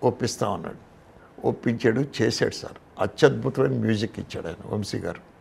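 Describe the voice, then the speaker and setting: Gravelly older Telugu man recalling films. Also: lowish voice, a little fast, a little mellow. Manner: storytelling, acts out past conversations. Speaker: film director, interview guest. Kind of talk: reminiscing interview talk.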